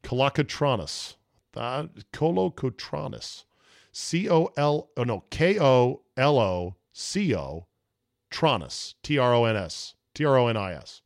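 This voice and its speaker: This is a gravelly, medium-pitched man's voice with lively intonation and a measured pace, recorded dry at studio quality. He's a podcast and sports radio host in his fifties, chatting in a relaxed, freewheeling solo show and reading emails from listeners.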